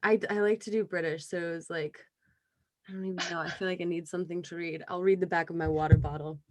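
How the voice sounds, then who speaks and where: A woman's voice: on the low side, fairly even intonation, quick pace. A woman hosting a casual podcast interview, upbeat and giggly, encouraging her guest. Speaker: podcast host.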